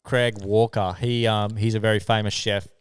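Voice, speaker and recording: A man's voice: fairly low pitch, little pitch movement, normal speed, clear, resonant tone, no echo. A young Australian man co-hosting a podcast, telling stories in a laid-back way and swearing a lot. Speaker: podcast co-host. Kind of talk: casual storytelling chat.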